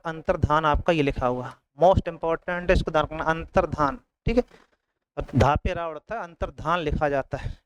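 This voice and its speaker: A man's voice: a little high, clear, resonant tone, no room sound, poor audio. A man teaching an exam coaching lesson, repeating each word and often checking in with his students.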